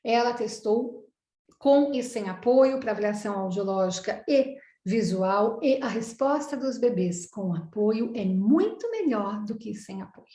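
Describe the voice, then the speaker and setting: With a Brazilian Portuguese accent, a middle-aged Brazilian psychoanalyst lectures professionals online via video call. Her dark-toned voice sits on the high side with lively intonation and a slightly slow pace in an echoey room, as she explains step by step and responds to her own questions.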